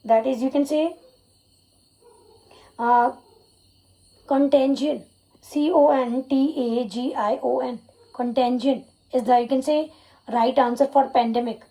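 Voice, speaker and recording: A woman with an Indian accent teaches English vocabulary for exams, spelling words out letter by letter and slipping into Hindi to explain them. Her voice sits high and sounds mellow and soft-edged. Faint crickets chirp behind her. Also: steady tone, measured pace, long pauses, low-quality recording. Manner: repeats "you can say" as a filler. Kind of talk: exam-prep vocabulary lesson.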